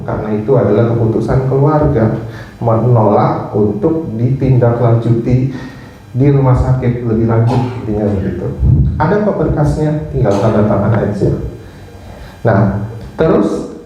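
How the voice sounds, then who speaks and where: A man's voice: mid-range voice, dark tone. Man preaching in an echoey hall. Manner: storytelling, acts out quoted dialogue. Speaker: preacher and doctor. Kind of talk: sermon with personal story. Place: large church hall. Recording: distant mic, dull sound, very echoey church hall.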